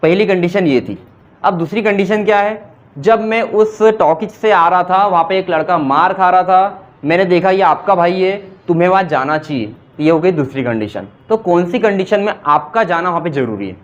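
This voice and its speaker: A man with a high voice teaches an English grammar lesson. He explains in Hindi, reads out English example sentences and keeps quizzing his students. The recording sounds dull and lo-fi. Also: moderate pace. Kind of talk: classroom grammar lecture.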